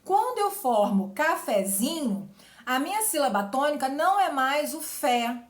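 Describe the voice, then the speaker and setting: Lady teacher going over spelling rules, kinda high voice, slow on the examples, echoey room. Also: big pitch swings. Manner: explains patiently, stretches example words slowly, asks "certo?" often. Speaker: Portuguese teacher. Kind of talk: exam-prep grammar lesson.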